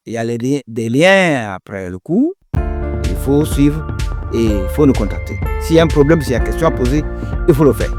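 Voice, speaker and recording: A man from Ghana teaching a language class, repeating each word slowly and carefully to drill pronunciation. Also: medium pitch, sing-song, over music. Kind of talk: pronunciation lesson.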